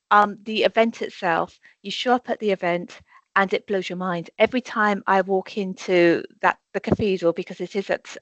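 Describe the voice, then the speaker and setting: A woman's voice: mid-range voice, fairly bright tone, dry recording. A woman speaking for a corporate sponsor on a video call from an office, effusive and full of "you know" fillers. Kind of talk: casual webinar chat. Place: office in Birmingham. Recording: dull, dry video-call audio.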